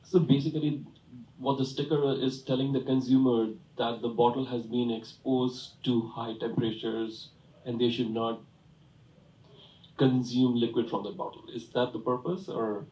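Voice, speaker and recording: A man with a warm, mellow voice asks the presenters careful clarifying questions. He sounds far from the microphone. The hall gives his voice a roomy echo. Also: mid-range voice, little pitch movement, moderate pace. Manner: probing, clarifying. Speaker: competition judge. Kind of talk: judge's questions.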